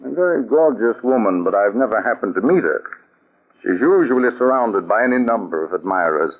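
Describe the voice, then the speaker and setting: Colonel Reynolds, a husky, flustered colonel. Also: male voice, fairly low pitch, a little fast. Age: 40s. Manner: expressive and flustered. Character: proper male army colonel, easily flustered. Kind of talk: 1940s radio acting. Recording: dull old radio broadcast.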